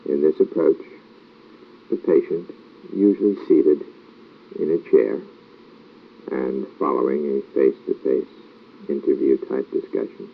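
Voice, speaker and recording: A man giving a formal, scripted clinical lecture in a slow, measured hypnotist's manner, with frequent pauses. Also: extremely low pitch, fairly even intonation, creaky, a little hiss or hum. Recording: dull lo-fi old tape recording.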